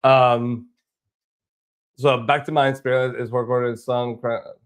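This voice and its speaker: A man's voice: medium pitch, level tone, unhurried, clean tone. A man from Boston recounts a bad travel experience in a loose, rambling way. He often stumbles and restarts mid-sentence. His tone stays aggrieved and frustrated. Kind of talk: casual storytelling vlog.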